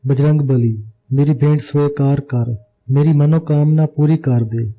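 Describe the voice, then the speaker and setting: A man's voice: fairly high pitch, steady tone, unhurried, mellow. A man voicing a desperate sorceress praying. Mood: fervent. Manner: fervent, pleading prayer.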